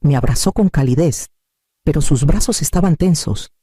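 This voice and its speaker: A man narrates a scripted story in a calm, measured way. His voice is deeply mellow and sits a little high. The sound is dry and close. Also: husky, no room sound.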